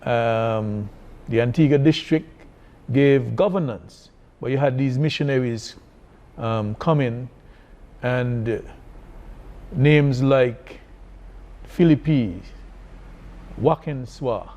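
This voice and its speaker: A man from Saint Kitts with a Kittitian accent, answering as a church leader in an interview, haltingly and deliberately, often repeating words. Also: medium pitch, dark tone, lo-fi sound. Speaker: church district superintendent being interviewed.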